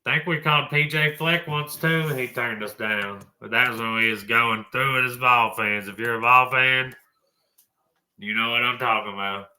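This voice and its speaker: A man's voice: mid-range voice, steady tone, normal speed, sharp tone. A man hosting a college football talk show, blunt and folksy, tossing in mild swearing. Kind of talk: opinionated sports talk.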